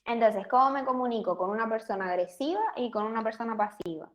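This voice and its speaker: A woman's voice: fairly high pitch, fast talker. Woman explaining a psychology workshop. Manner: conversational, many fillers and restarts. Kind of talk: explanatory online workshop talk.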